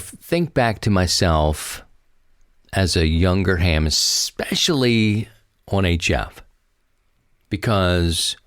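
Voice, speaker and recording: Speaking to his listeners in a casual solo chat, an American male podcast host rambles in a folksy way. His voice is fairly low, and the clean studio sound has no echo.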